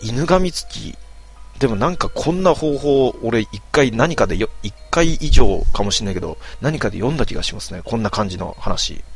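A man's voice: medium pitch, expressive, a little fast, gravelly, soft background music. A man in his twenties hosting a late-night stream, reading viewer comments aloud and muttering casual, offhand reactions. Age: 20s.

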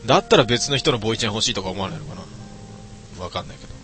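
A man's voice: fairly low pitch, sing-song, quick pace, gravelly, a bit bright, soft background music. A man casually reading viewer comments aloud and joking at his own expense. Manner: self-mocking, muttering asides. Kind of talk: casual chat.

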